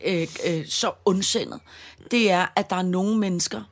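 A woman co-hosting a podcast, thinking aloud in casual chat with many fillers and hesitations. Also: fairly low pitch. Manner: reflective, hesitant, many fillers and agreeing murmurs. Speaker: podcast co-host.

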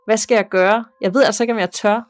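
A woman reading the part of a young man caught in a haunting, voiced plainly within a spoken ghost story. The voice stays close and dry, with soft music under it. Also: high voice, steady tone, no echo, lightly acted. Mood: uneasy. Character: young man, frightened then eerily calm.

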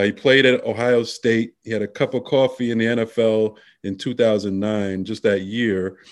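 A man co-hosting a casual sports chat, rambling along with lots of fillers and restarts. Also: fairly low pitch. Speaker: sports talk co-host.

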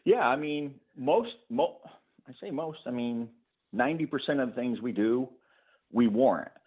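A man guest on a call-in show explaining his painting business in a relaxed way, with frequent fillers and easy laughs. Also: medium pitch, moderate pace, husky. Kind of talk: phone-in interview. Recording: tinny phone line.

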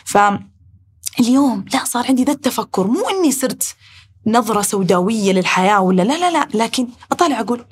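A woman with a Saudi accent hosting a heartfelt talk, reflecting aloud in rushed bursts. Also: fairly high pitch, lively intonation, husky. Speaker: podcast host.

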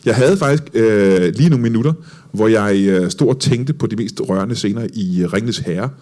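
A man hosting a live podcast, telling self-mocking stories in a deadpan way. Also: fairly low pitch. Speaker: podcast host. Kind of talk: casual live podcast chat.

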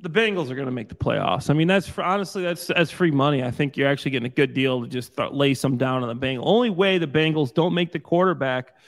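A man who is a former pro football player turned analyst, talking football in an upbeat, joking, energetic way. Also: medium pitch, fast, hardly any pauses. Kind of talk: casual sports talk.

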